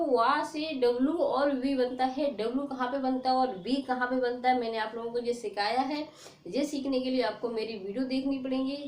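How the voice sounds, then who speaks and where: High-voiced woman teaching in an echoey room. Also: darkish tone. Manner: repetitive, quizzing questions, slow stressed examples. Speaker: English teacher. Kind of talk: board lesson explaining pronunciation rules.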